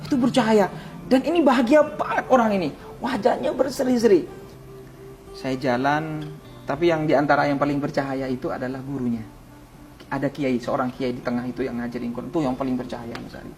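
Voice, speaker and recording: A man's voice: medium pitch, fairly even intonation, fairly quick, soft background music. Fervent male preacher telling an emotional story. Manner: fervent, swings between hushed and loud pleading tones. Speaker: religious teacher recounting a near-death experience. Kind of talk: emotional personal storytelling in an interview.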